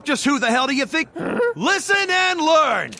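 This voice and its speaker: Kamina, a swaggering anime hero. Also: male voice, very high voice, sing-song, normal speed, gravelly, very noisy, exaggerated voice. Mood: boastful. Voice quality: loud, swaggering. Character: brash boastful young male anime hero. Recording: anime clip over loud music. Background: loud music.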